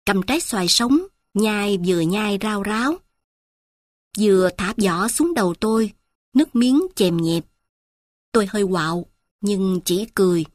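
Measured woman narrator. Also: medium pitch, dry recording, studio quality. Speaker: storyteller. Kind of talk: literary story narration.

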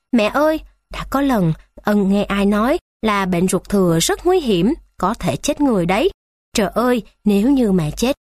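A woman's voice: a little high, dry recording, clean studio sound, close to an everyday voice. A woman voicing a small anxious boy who loves his mother, pleading and tearful.

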